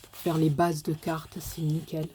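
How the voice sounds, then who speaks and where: A woman's voice: deep voice, little pitch movement, measured pace, warm tone, slight background noise. A woman with a Marseille accent chatting casually as she opens a parcel on her vlog, gushing and swearing with delight. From Marseille, France. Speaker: crafting YouTuber.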